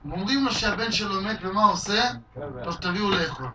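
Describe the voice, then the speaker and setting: A rabbi teaches a Talmud class in a study hall, his voice high and cutting as he tells the stories with lively drama. He is picked up from across the room on a dull, lo-fi recording. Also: recorded from a distance. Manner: animated, acts out quoted shouts and cries. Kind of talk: Talmud lesson with storytelling.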